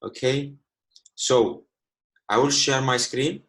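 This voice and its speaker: Speaking slowly with fairly even intonation, this man in his twenties has a medium-pitched, slightly bright voice. He's a Cypriot trading educator whose first language is Greek, teaching live online via video call in slightly broken English and saying "okay" often.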